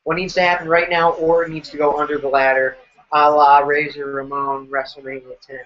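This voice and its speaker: A man hosting a live wrestling reaction show, excitable and joking as he reacts to what's on screen. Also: on the high side, fairly quick, dull audio.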